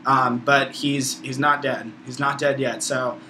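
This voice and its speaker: About twenty, with an American accent, this college student vlogs a casual, opinionated monologue full of slang and profanity. His medium-pitched voice barely moves, runs a little slow, and sounds sharp, and the rough recording carries a slight hiss or hum.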